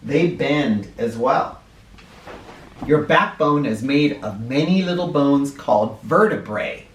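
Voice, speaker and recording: A mid-range male voice animates a children's picture book read-aloud, slowly and with lively rising and falling tones, plus asides. He is instructive and direct, talking to young listeners expressively. Heard at a distance from the mic in an echoey room.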